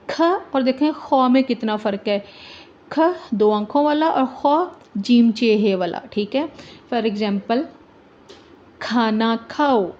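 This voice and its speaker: Female teacher, slow and repetitive, high-ish voice, muffled recording. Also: darkish tone. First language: Urdu. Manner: repeats letters and words, checks in with "ठीक है". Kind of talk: slow, deliberate alphabet lesson for teachers and children. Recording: dull lo-fi recording.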